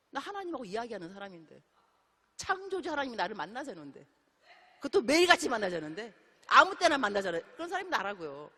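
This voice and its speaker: A middle-aged woman missionary preaching a sermon in a church, telling stories in an animated way and acting out the dialogue. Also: mid-range voice, husky. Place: church sanctuary. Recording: long hall reverb.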